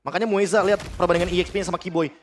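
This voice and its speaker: A man's voice: high voice, steady tone, very fast, slight background noise. A man giving analytical esports commentary as a co-caster, explaining tactics as the match runs.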